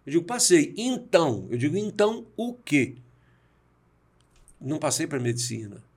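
A man's voice: on the high side, sing-song, normal speed, darkish tone, husky. A man in his sixties from Brazil, a podcast guest telling personal stories and acting out the dialogue he quotes. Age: 60s. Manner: reflective, acts out quoted dialogue. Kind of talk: storytelling in a conversation.

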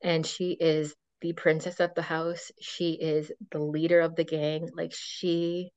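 A woman in her thirties with a low voice tells a long story in casual chat, full of fillers and other people's quoted words. The recording is dry and a bit dull. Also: level tone, unhurried, a little mellow, smooth, no room sound. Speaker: podcast guest.

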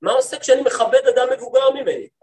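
A rabbi teaching a class for women, a man telling stories in a lively way and often turning to his listeners with questions. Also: very high-pitched. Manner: lively storytelling, acts out quoted speech; talks to the listeners, asks them questions. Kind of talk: lecture to a women's study group.

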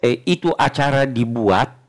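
Male preacher, lively storytelling, rises and falls a lot, asks the crowd questions. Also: mid-range voice, a little slow. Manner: lively, animated retelling with rhetorical questions. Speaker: Islamic preacher. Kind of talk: religious lecture with storytelling.

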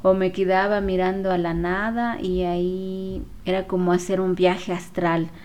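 A woman who works as a spiritual therapist, telling viewers about her past in a casual, unhurried way, with many fillers and self-corrections. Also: on the low side, little pitch movement, a little mellow. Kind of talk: casual personal storytelling to viewers.

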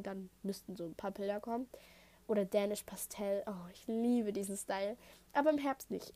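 With a mellow, mid-range voice, a teenage girl of thirteen and a half from Saxony runs her own podcast, casually handling listener questions. She chats and rambles, drifting off topic with many fillers, on an Apple headset at home while construction noise carries in from outside.

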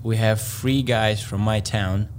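A low-voiced man with a Latvian accent answers questions in modest, halting English. A faint hum sits beneath his voice. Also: fairly even intonation. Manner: halting non-native English, modest and soft-spoken. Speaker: free runner, guest. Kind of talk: casual interview chat.

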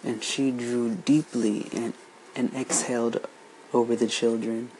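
A man narrates a story aloud, slow and measured. His voice sits in a middling register. A faint hum of background noise runs under the recording. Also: medium pitch, flat delivery, a little mellow, low-quality recording.

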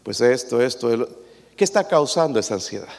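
A man's voice: mid-range voice, animated, a little fast, vocal fry, in a large hall. A man preaching a sermon as pastor, asking his congregation questions as he goes.

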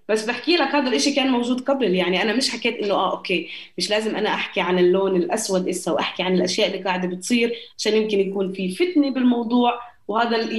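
A young woman with a Palestinian Arabic accent talks casually and personally as an interview guest. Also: mid-range voice. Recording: roomy echo.

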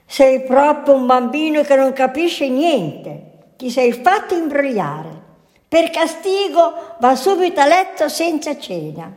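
A woman's voice: on the high side, very animated, slow, darkish tone, exaggerated voice. A woman voicing a poor, sick mother as she reads a fairy tale aloud. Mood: scolding. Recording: echoey hall.

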